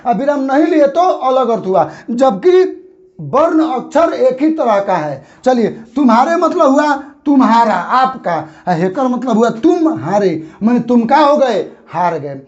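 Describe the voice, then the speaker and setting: A man teaching a grammar lesson, saying example words again and again and slowing on them to show where the pause falls. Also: extremely high pitch, big pitch swings, lo-fi sound.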